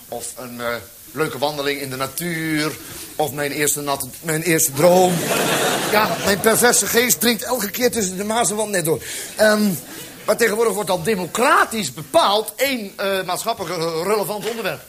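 A man's voice: sits high, moderate pace, fairly bright tone. A man performing a rambling, absurd cabaret monologue on stage, full of hesitant fillers. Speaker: stand-up comedian. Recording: live recording with audience and background noise.

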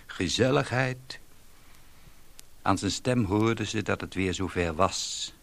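A man reading a story aloud in a slow, deliberate, wry way. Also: low-pitched, steady tone, vocal fry, fairly bright tone. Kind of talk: scripted story narration.

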